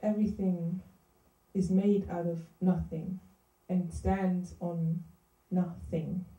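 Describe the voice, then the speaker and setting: A woman's voice: fairly low pitch, little pitch movement, slow pace, dark tone. A woman acting as an interpreter retells a sermon sentence by sentence, with small self-corrections along the way. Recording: roomy hall, distant mic.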